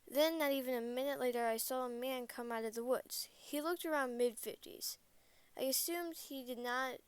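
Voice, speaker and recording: A woman's voice: fairly high pitch, smooth, no room sound. A woman narrating a true scary story in first person, plain and a little hesitant, correcting herself as she goes.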